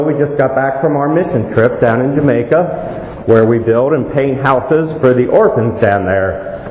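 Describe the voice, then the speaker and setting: A man's voice: medium pitch, a little mellow. A man giving a conversational homily as a priest, plain-spoken and anecdotal, his voice echoing in a church. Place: reverberant church. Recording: echoey church reverb with faint noise.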